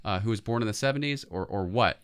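A man's voice: on the low side, quick pace, clear, resonant tone. A man in his forties co-hosting a podcast, chatting casually about pop culture. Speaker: podcast co-host.

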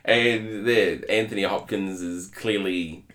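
A man co-hosting a podcast, talking in a casual, animated way and laughing often. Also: on the low side, crowd noise. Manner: animated, laughs often, puts on quick voices. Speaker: podcast co-host. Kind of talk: casual chat.

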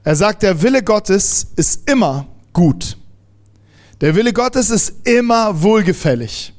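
A man with a high-pitched voice preaches a sermon to his congregation. He talks in a lively, emphatic way, restarting sentences and dropping casual slang among the teaching. His voice rises and pushes forward when he makes a point. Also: slow pace.

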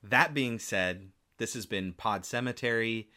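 Male film-podcast co-host: forward, bright tone, informal and keen, conversational. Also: fairly low pitch, unhurried. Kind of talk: casual film review chat.

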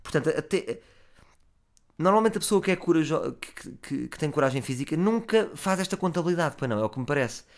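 A man with a European Portuguese accent telling a comic story, animated, swinging between loud and low. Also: fairly quick.

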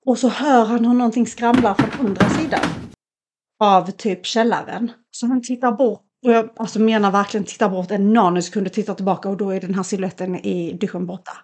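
A young woman co-hosting a podcast, retelling a scary film in a lively, casual way and acting out the lines of the people in it. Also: mid-range voice. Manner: animated retelling, acts out quotes. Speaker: podcast co-host. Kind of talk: casual storytelling chat.

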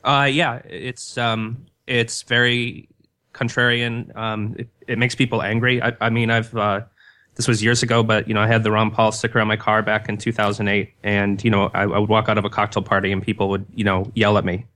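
A man speaking as a podcast guest in casual conversation, in a hesitant, halting way with repeated words. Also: on the low side, level tone, sharp tone.

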